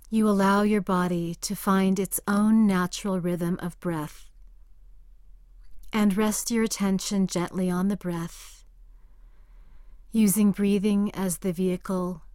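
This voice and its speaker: A woman guiding a meditation in a soft, calm voice that sometimes drifts into a whisper. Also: mid-range voice, unhurried, no echo, studio quality. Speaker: meditation guide. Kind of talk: guided meditation.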